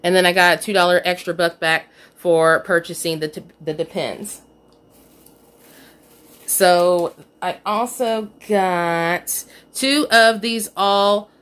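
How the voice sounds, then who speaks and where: A woman's voice: medium pitch, fairly bright tone. A woman casually walking through her store haul on a phone camera at home, chatty and a little self-scolding. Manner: chatty, self-scolding about a missed coupon. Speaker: couponing vlogger. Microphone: phone camera, off screen.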